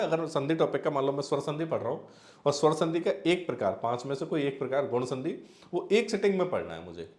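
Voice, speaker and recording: A man's voice: fairly high pitch, darkish tone, reverberant. A man teaching exam preparation, talking it through in a conversational way with repeated examples and fillers. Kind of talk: explanatory exam-prep talk.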